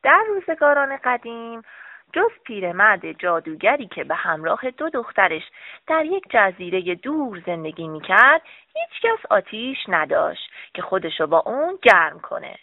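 Woman narrator, children's story, lively melodic voice, dry narrow phone-like sound. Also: medium pitch, dry recording.

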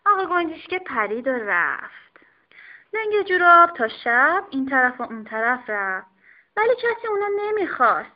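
A woman reading a children's storybook aloud in an expressive, sing-song manner, on a dull lo-fi recording. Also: sits high. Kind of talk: storybook narration.

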